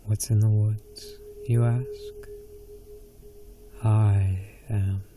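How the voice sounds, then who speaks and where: A man narrating a scripted horror story in a hushed, ominous delivery. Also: on the low side, little pitch movement, very slow, background noise.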